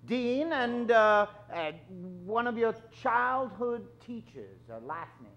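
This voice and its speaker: With an extremely high voice that swings widely in pitch, slow and fairly bright with vocal fry, a middle-aged showman emcees an improvised live radio program from a theater stage. His patter is theatrical, courteous and hesitant, old-time announcer style, captured in dull, lo-fi stage audio.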